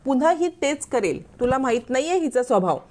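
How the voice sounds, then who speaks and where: A woman's voice: sits high, big pitch swings, fairly quick, darkish tone, voice pushed up. Fussy scolding mother-in-law, as a woman puts her on. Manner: scolding, raised voice. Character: fussy overprotective middle-aged mother-in-law, quick to scold.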